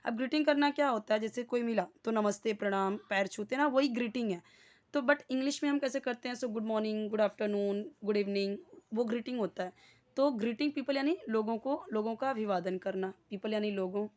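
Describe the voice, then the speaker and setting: A woman with an Indian accent teaching an English lesson, reading English sentences slowly and explaining them word by word, with many "uh" fillers. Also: fairly high pitch, a little mellow, highs cut off. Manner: frequent "uh" fillers when speaking English.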